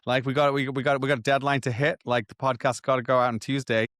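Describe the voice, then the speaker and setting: A man's voice: mid-range voice, flat delivery, fast, a bit bright, no echo, clean studio sound. A man co-hosting a podcast, chatting casually in an informal, rambling way. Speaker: podcast co-host.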